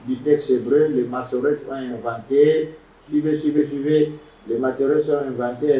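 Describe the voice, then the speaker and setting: A man teaching biblical Hebrew grammar to a class, repeating words and quizzing his students as he lectures. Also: mid-range voice. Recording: roomy, distant, dull lo-fi classroom recording.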